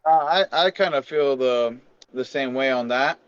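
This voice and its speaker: A man's voice: mid-range voice, unhurried, clean tone, dry recording. A man from Peru, a podcast guest chatting casually, laughing often and searching for words with restarts. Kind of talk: casual chat. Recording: muffled lo-fi dry mic.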